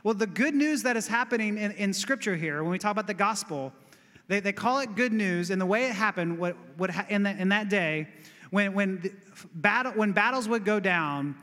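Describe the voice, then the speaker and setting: A male pastor giving an animated, conversational sermon in a church that builds to exclamations. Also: sits high, normal speed. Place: church sanctuary. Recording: long reverb of a church hall.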